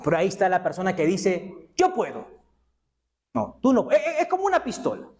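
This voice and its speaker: A man's voice: sits high, very animated, brisk, darkish tone. A male pastor preaching a sermon, asking rhetorical questions and answering them himself.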